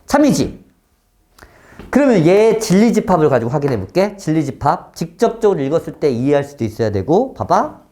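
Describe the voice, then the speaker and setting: Animated, dark-toned man teaching math. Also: fairly high pitch, brisk. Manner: keeps checking in with students, switching between polite and blunt speech; sudden loud exclamations. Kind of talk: classroom math lecture.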